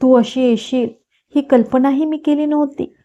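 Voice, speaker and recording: A woman voicing a cheerful young man who talks with excited, teasing warmth. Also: high-pitched, moderate pace, close to an everyday voice. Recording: dull lo-fi recording.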